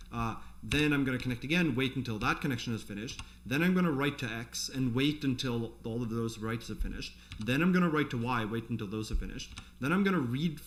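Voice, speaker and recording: A man giving an informal programming tutorial, thinking aloud in a conversational way as he explains. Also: medium pitch. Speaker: programming instructor. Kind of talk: informal live coding tutorial, explaining off the cuff.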